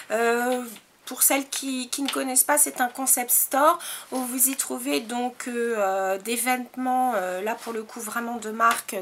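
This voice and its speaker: High-voiced woman reviewing beauty buys. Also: a bit bright, slight background noise. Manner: hesitant, many fillers and restarts. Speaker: beauty vlogger. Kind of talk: casual product haul review.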